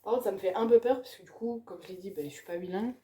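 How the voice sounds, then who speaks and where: Booktuber, female, very mellow dark tone, chatty and eager, casual vlog delivery. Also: medium pitch, rapid-fire. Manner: chatty, enthusiastic, ends phrases with "quoi". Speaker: book vlogger. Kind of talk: casual chat about her reading pile.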